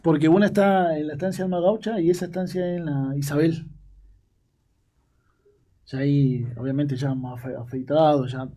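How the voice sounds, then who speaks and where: A young man telling stories from his years as a ranch hand in an interview, halting and repeating his words. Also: a little high, steady tone, dark tone. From Argentina. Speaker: guest, former ranch hand. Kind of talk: storytelling interview.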